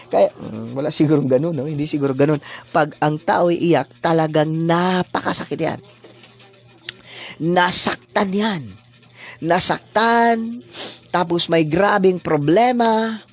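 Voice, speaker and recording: A male pastor giving a livestreamed sermon, dropping a tag question after phrases in a preacherly cadence. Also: fairly high pitch. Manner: blessing-decree cadence, preacherly.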